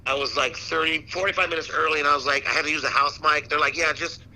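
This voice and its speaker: A man's voice: a little high, steady tone, fast talker, bright, forceful tone, slight background noise, low-quality recording. A man who works as a boxing ring announcer, talking casually and emphatically as an interview guest, with slangy asides.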